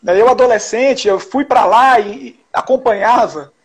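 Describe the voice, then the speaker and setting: A very high, slightly rough voice at normal speed belongs to a journalist guest from Salvador, Bahia, Brazil. Speaking with a Bahian accent, he tells stories in a casual interview, restarting often and using tag questions.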